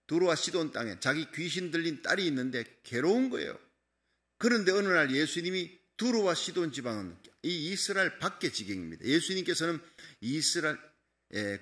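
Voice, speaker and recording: Pastor, man from South Korea, bright and forceful, fervent sermon delivery. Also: a little high. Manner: impassioned preaching with acted quotations.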